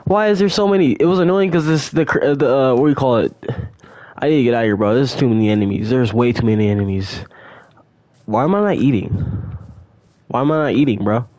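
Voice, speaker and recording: A young man giving casual, rambling commentary on his survival game, often repeating excited exclamations. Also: mid-range voice, fast talker, no echo. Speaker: gaming channel host.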